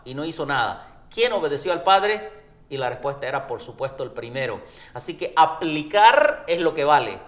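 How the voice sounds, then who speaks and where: A man leading a church Bible study, explaining with practical advice and humorous examples. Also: on the high side. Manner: affirming, humorous storytelling. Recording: echoey room.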